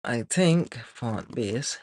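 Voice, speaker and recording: A man's voice: mid-range voice, drawn-out words, dry recording. Man from Barbados, dry close sound. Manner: relaxed, rambling, thinks aloud with many ums. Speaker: 3D artist live streamer. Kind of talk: casual live stream talk while working.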